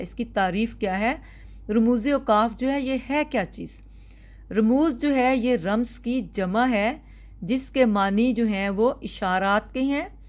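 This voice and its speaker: A woman teacher, giving a recorded grammar lecture to her students. She explains slowly and carefully, often restating a point before moving on. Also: on the high side.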